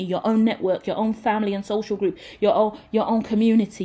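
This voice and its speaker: A woman's voice: medium pitch, mellow. A woman, giving a frank, rambling tarot reading straight to her viewers. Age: 30s. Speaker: tarot reader. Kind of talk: casual tarot reading to camera.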